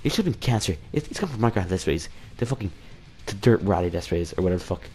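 A man's voice: deep voice, animated, fast, darkish tone, a little hiss or hum. A man hosting a casual year-in-review vlog, rambling, swearing and mocking himself, tagging "dude" onto nearly every sentence. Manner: rambling, profane and self-mocking, keeps saying "dude". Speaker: channel host.

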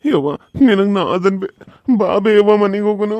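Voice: medium pitch, fairly even intonation, brisk, a little mellow, no room sound, highs cut off. A performer voicing a grieving son in a cartoon serial, pleading and accusing.

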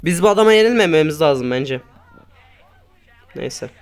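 A man doing casual gameplay commentary, grumbling and swearing at his teammates, then breaking into sudden loud outbursts. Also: a little high, animated, normal speed, clear, resonant tone. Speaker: gaming YouTuber.

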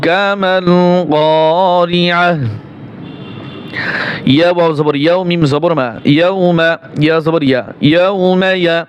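A man teaching Quran reading, spelling out syllables one by one and then reciting them in a patient, drawn-out sing-song. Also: on the high side, fairly even intonation, lo-fi sound, a little hiss or hum. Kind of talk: spelling out and reciting verses slowly.

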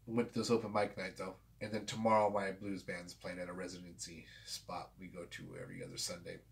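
This deep, brisk, creaky-voiced man in his forties hosts a vinyl collector channel. After a couple of drinks he rambles loosely and swears freely in a casual vlog, filmed on a desk camera in a small home room with framed pictures and a guitar.

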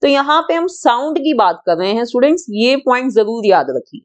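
A woman's voice: a little high, big pitch swings, brisk. A woman teaching a grammar lesson to children, patiently repeating and stressing sounds and asking questions she then answers herself.

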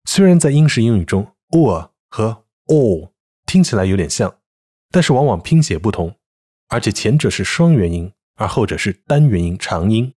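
A man teaching English pronunciation in a clear, measured scripted lesson, reading example words slowly. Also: lowish voice, sing-song, mellow.

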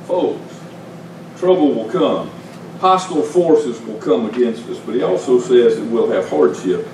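A middle-aged pastor from Georgia, US, preaches conversationally in a small church sanctuary, posing rhetorical questions and shifting between raised emphasis and quiet asides in a mid-range voice. A stand mic sits at the pulpit while a far camera films, and the very echoey room makes the distant-mic recording noisy.

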